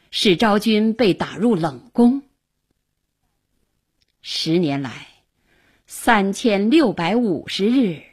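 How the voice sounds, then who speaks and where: A woman storyteller with a husky, slightly breathy voice performs a classic tale in traditional oral style. She speaks slowly and deliberately, her pitch rising and falling widely with dramatic expression.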